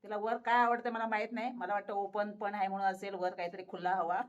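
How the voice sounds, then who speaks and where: A woman's voice: mid-range voice, level tone, fast, lo-fi sound. A woman in a casual pet vlog, talking to her viewers and coaxing her cat, repeating words and laughing often. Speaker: pet vlogger. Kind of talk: casual talk to camera while coaxing a cat.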